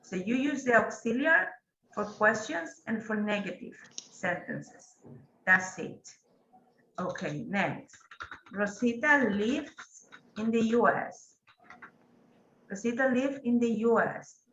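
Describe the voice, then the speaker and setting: A woman's voice: on the high side, expressive, slow, fairly bright tone, roomy sound, dull audio, slight background noise. A woman, teaching an English grammar class and patiently prompting students. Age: 40s.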